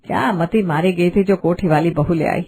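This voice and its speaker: A woman's voice: lowish voice, moderate pace, darkish tone, lightly acted. A woman voicing a fussy middle-aged mother-in-law in a cartoon, grumbling and fretting. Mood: fretful. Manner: grumbling, fretful.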